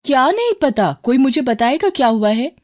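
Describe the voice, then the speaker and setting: A woman's voice: sits high, very animated, normal speed, a little mellow, lo-fi sound, voice pushed up. A woman doing an earnest young village woman. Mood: puzzled. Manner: earnest, firm. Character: sensible young village woman, loyal friend.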